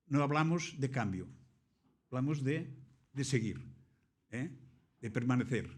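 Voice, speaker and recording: A man from Catalonia preaching a sermon in Spanish with a Catalan accent, reading scripture aloud and then explaining it with rhetorical questions and dramatic pauses. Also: mid-range voice. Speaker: pastor.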